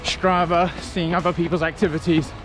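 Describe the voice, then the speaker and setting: A man talking casually to camera as a running vlogger, in a reflective, conversational way with halting short phrases. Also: a little high, level tone, over music. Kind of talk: casual vlog talk to camera.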